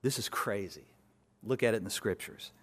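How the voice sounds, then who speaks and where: A male pastor preaching an expository sermon, building to emphatic peaks and dropping to soft asides. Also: on the low side, animated, normal speed, breathy edge.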